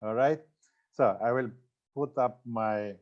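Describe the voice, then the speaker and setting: An Austrian man in his 60s, a franchise consultant, gives a seminar presentation in a medium-pitched voice. His delivery is loose and halting, with many fillers and self-corrections, and the recording is muffled.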